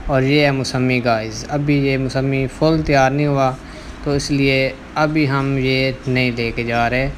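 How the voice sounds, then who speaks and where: A man's voice: mid-range voice, fairly even intonation, a little slow, slight background noise. Chatty Punjabi man vlogging outdoors. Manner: chatty, fillers like "matlab" and "theek hai". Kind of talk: casual outdoor vlog narration. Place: outdoors in a fruit orchard.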